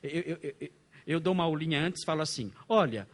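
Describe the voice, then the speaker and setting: A man's voice: on the high side, fast talker. A middle-aged man with a Brazilian Portuguese accent, preaching as a pastor at a church conference. He asks his audience rhetorical questions and jokes often. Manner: animated and joking, with frequent rhetorical questions. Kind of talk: conference sermon lecture.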